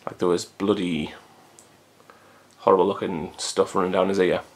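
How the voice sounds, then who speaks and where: A deep-voiced man in his thirties talks to a home camcorder, loose and rambling. His voice sits low with a gravelly fry running through it, and he swears now and then in an easy, everyday way. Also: little pitch movement, normal speed. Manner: rambling, chatty, swears casually. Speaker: vlogger. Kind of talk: casual chat to camera. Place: hot room at home. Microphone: camcorder built-in mic.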